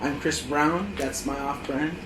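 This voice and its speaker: A man from the Los Angeles area, a drummer, talking in a jokey, excitable way. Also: fairly high pitch, measured pace. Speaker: drummer guest. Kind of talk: casual interview answers. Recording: echoey room, faint hum.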